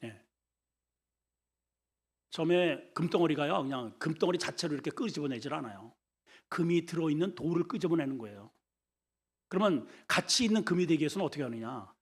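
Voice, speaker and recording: A middle-aged man, a senior pastor, preaching an animated sermon and having the congregation repeat lines after him. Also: fairly high pitch, a little fast, long pauses, slightly rough. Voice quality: mock shouts for comic voices. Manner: animated storytelling, leads the congregation in call-and-repeat.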